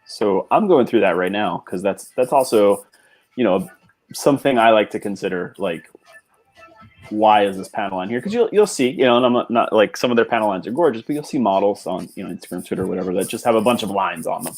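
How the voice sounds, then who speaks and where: A man's voice: lowish voice, expressive, a little fast, darkish tone, soft background music. A man co-hosting a casual livestream chat, thinking aloud with heavy filler words. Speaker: co-host on a model-building stream.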